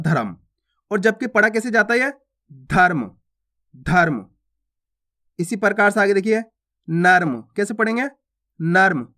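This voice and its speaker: A man's voice: sits high, pushed and bright. A man teaching a reading lesson to online viewers, drilling words by asking a question and answering it himself, and often checking that they understand. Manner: repetitive drill, asks and answers own questions.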